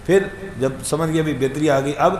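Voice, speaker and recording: A fairly high-voiced man teaches Quran recitation, chanting each letter sound slowly in a sing-song drill and firing questions at his listeners. He has a Pakistani Urdu accent. His voice rings in an echoey room over a faint hum of background noise. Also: a little mellow.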